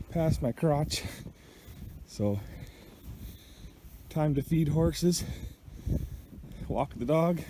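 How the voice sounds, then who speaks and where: Out-of-breath rancher in the snow. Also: male voice, on the high side, noisy background. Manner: plainspoken, huffing between phrases. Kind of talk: casual vlog narration. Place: outdoors in deep snow on a ranch.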